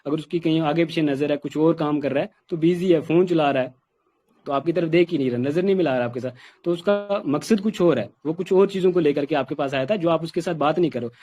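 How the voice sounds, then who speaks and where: Speaking fast in a mellow, fairly high-pitched voice, a man teaches communication skills in an informal, conversational lesson. Fillers abound, and "ठीक" comes up again and again.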